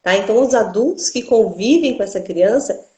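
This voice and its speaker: A woman's voice: medium pitch, animated, brisk, mellow, echoey room. A woman speech therapist with a Brazilian accent explains things in a didactic way in an interview and often ends her phrases with "né?". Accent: Brazilian Portuguese.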